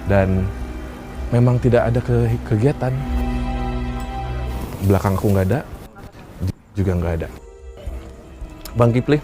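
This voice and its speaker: A man hosting an outdoor interview at night, excitable and often exclaiming. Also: lowish voice, measured pace, long pauses. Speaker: host. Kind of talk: on-location interview. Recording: location sound with music over it.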